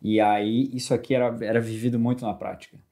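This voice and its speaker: Man, podcast guest, casual chat, relaxed meandering delivery, mid-pitched. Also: quick pace. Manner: relaxed, meandering, with restarts and fillers. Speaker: podcast guest, sales expert.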